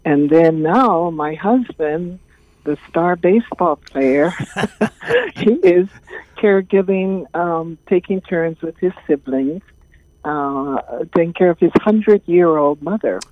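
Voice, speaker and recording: A woman, speaking as an interview guest in a calm, thoughtful way with many pauses. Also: fairly low pitch, no room sound. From Hawaii. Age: 70s. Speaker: guest, caregiving trainer. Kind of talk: casual interview talk. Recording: tinny phone line.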